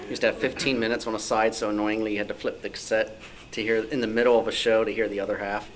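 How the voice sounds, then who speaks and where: Talking quickly in a level tone, a man with a voice on the low side shares self-deprecating anecdotes in an informal talk. He's an old-time radio researcher and author addressing a club meeting in an indoor room.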